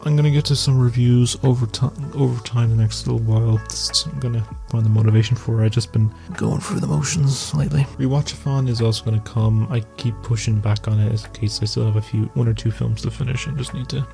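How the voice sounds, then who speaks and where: A man's voice: medium pitch, fairly even intonation, quick pace, creaky, hardly any pauses, dark tone. A man hosting an entertainment news show in a casual, informal, rambling way. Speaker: host of an entertainment news video series. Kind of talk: casual vlog-style film news commentary. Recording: music under the voice. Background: background music.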